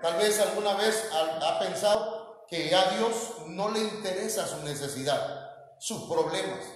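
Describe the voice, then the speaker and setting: A man's voice: high voice, a little slow. A man with a Mexican Spanish accent, a pastor preaching a sermon to his congregation, calling them brothers and saying amen often, with many fillers. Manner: addresses congregation as hermanos, frequent amén and fillers. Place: church hall. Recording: very echoey church hall with long reverb.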